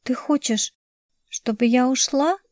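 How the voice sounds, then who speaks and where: A woman voicing a frightened, desperate young woman with a higher, pleading, frantic voice. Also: measured pace, a little mellow, dry recording, studio quality, close to an everyday voice.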